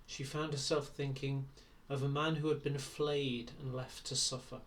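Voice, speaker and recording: Guy reading a novel out loud, quiet and easygoing, mid pitch. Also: flat delivery, normal speed, rough recording. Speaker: audiobook reader.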